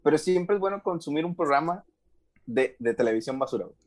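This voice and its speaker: A man's voice: a little high, animated, fast talker. A man with a Mexican Spanish accent, co-hosting a casual podcast, joking and slangy. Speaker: podcast co-host. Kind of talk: casual chat.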